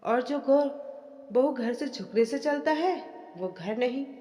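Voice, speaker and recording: A woman voicing a calm young daughter-in-law who answers taunts with sweet-toned sarcasm. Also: high-pitched, takes it slowly. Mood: sweetly cutting. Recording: echoey room with long reverb.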